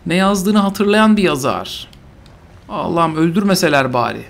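A man's voice: high voice, big pitch swings, measured pace, vocal fry. Sarcastic man reading aloud with mock drama. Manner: sarcastic, mock-solemn, repeats phrases for comedy. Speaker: host reading a fan story aloud. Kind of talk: mocking dramatic reading with game chatter.

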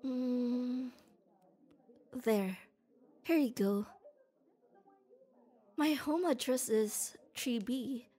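Her voice sits on the high side, warm with a breathy edge, and she speaks extremely slowly with many pauses. In this close-mic ASMR roleplay aimed at the listener, the young woman plays a gruff but kind shy tomboy who stammers and talks hesitantly.

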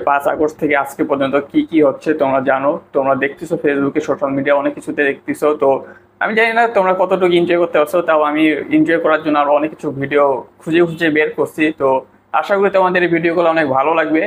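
A man's voice: on the high side, fairly even intonation, very fast, slight background noise, poor audio. A young man hosting a reaction video, giving chatty, mocking comic commentary to his viewers from indoors on a clip-on mic. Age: young adult. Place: indoors against a plain pink backdrop.

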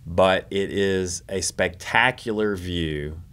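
A man's voice: deep voice, slow pace, fairly bright tone, clear, resonant tone. A middle-aged man co-hosting a travel vlog, giving tips with dry, wry humor. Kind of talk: scripted commentary with co-host.

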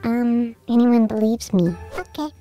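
Woman on a voice changer doing a timid little kid, morphing pitched-up voice, bit high, music behind. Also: unhurried, warm tone. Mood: shy, giggly. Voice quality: morphing, digitally pitched childlike voice. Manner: timid, giggly, hesitant with ums. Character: shy little five-year-old girl gamer. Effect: voice changer shifting her voice up to a child's. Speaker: gaming video host. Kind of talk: prank gaming voice chat.

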